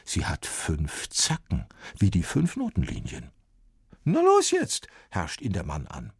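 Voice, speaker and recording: Husky man reading a story. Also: extremely low pitch, wildly swooping pitch, unhurried, no room sound, studio quality. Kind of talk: scripted story narration.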